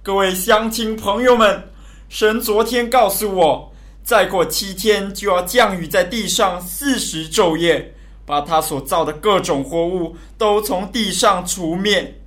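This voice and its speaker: A man's voice: medium pitch, expressive, measured pace, a bit bright. An actor playing Noah, an earnest old man who solemnly exhorts mocking neighbours in a dramatized Bible story. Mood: urgent pleading.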